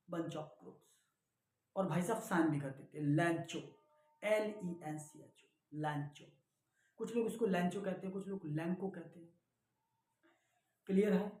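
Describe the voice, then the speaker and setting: A man's voice: high-pitched, a little mellow. Indian male English teacher, lesson explainer who keeps checking his students follow, recorded in a reverberant room. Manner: explains line by line in Hindi and English, often asks "clear hai beta". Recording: echoey room.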